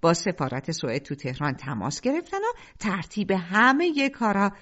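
A woman narrates an audiobook in a storytelling voice, her pitch rising and falling across a very wide range. The sound is dull and lo-fi, without crisp highs. She keeps it lively throughout.

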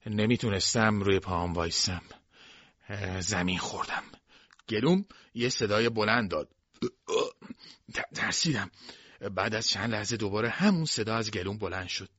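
A man's voice: on the low side, a bit bright, no room sound, highs cut off. A man giving first-person scripted narration of a novel in a plain storytelling way. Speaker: audiobook narrator.

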